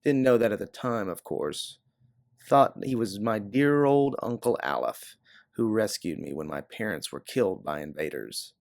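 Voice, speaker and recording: In a clean, dry studio recording with no room sound, a man voices a guarded, hard-bitten female bounty hunter in a science fiction audiobook. His lowish, slightly mellow voice is animated and moderately paced, and the character dialogue comes across bitter and matter-of-fact.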